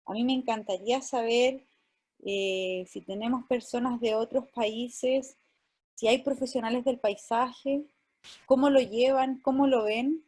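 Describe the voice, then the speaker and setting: A woman's voice: a little high, steady tone, a little slow, a little mellow. A woman from Chile moderating an online panel, speaking hesitantly with fillers and restarts.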